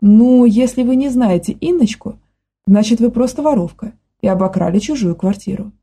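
A woman's voice: fairly high pitch, normal speed, warm tone, husky. A woman reading the part of a determined young woman who keeps pressing with questions. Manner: firm, persistent questioning.

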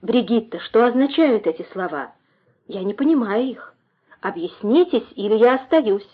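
An anguished young man pleads with rising passion, as a woman reader voices him, in an audiobook. The voice is husky and fairly high. The sound is thin and tinny, like a phone line. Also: animated, normal speed. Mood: pleading. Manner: impassioned, questioning. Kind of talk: audiobook reading.

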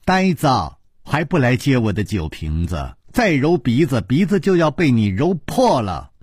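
A mischievous young princess, giggly and teasing, as a male storyteller puts her on, her words coming soft, slow and husky. The dry, close sound keeps every breath near, and the tone rises and falls widely. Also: medium pitch, very animated, dry recording. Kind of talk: storytelling with voiced characters.

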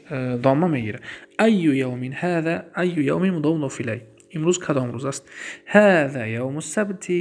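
Man teaching grammar, slow examples. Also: on the high side. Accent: Tajik. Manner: reads Arabic examples slowly, then translates and explains them. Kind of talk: classroom lesson explaining Arabic grammar.

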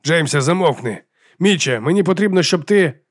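A man voicing a frantic father who shouts urgent commands over a radio. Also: a little high, lively intonation, moderate pace, voice pushed up. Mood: urgent shouting.

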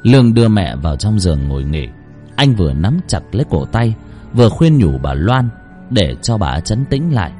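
A man's voice: on the low side, big pitch swings, moderate pace, mellow, soft background music. A man narrating a horror story with dramatic, tense delivery.

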